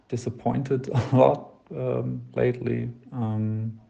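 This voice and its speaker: A man's voice: medium pitch, level tone, very slow, vocal fry, warm tone, dull audio. A man in his late twenties with a German accent, leaving a long, rambling, hesitant voice message full of fillers and self-deprecating laughs. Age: 20s. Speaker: voicemail sender. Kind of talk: casual voice message.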